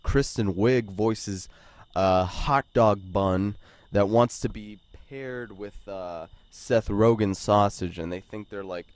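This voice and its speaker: A man's voice: on the low side, darkish tone, clear, resonant tone, no room sound. Rambling, profane man reviewing a movie. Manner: rambling and profane, full of "like" and "you know". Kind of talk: casual spoken movie review.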